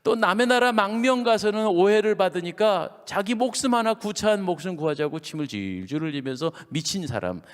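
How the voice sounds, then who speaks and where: A pastor from Chungcheong with a Chungcheong accent, telling a revival sermon in an animated storytelling way, dropping to hushed asides. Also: male voice, sits high, brisk, few pauses, in a large hall. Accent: Chungcheong Korean. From Chungcheong, Korea. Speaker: senior pastor. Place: church sanctuary.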